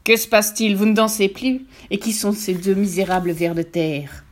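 A woman's voice: medium pitch, fairly even intonation, normal speed, natural voice. A woman voicing a cruel old sorcerer king who bellows in fury, in a storybook reading. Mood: raging. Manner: bellowing, furious.

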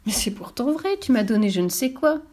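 A woman voicing a blustering fairy-tale king with a loud, abrupt delivery. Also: fairly high pitch, very animated, brisk, pitched above the performer's own voice. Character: blustering king who turns joyful.

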